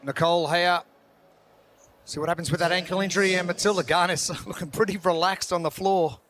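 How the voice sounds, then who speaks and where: High-pitched male sports commentator. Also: fairly even intonation, a little fast, fairly bright tone. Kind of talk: live broadcast sports commentary.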